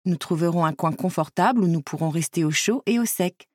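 A woman voicing a gentle, kind young princess in a storybook reading, soft but urgent. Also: on the low side, brisk, no room sound, studio quality, lightly acted. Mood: reassuring.

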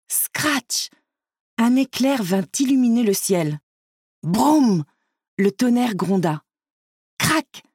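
A woman narrating a children's storybook with an expressive, lively delivery. Her voice sits in a middle pitch and sounds close and dry, with no room around it. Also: no room sound. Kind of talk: storybook reading.

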